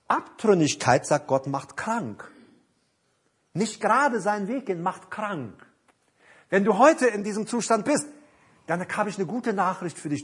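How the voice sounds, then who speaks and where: A male preacher giving an evening sermon, swinging from loud, emphatic bursts to hushed asides and acting out quotes in different voices. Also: high voice, breathy edge.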